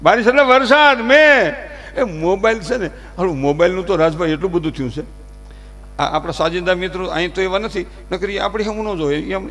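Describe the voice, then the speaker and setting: Man, high voice, folk storyteller, animated, acts out characters, preachy emphasis. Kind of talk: humorous folk storytelling to a live audience.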